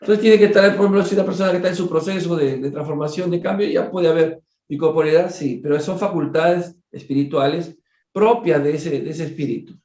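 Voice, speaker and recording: A man leading a study group, animated, repeating words and acting out little dialogues. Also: fairly high pitch, fairly quick. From Peru. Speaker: spiritist study leader. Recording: echoey room, dull lo-fi sound.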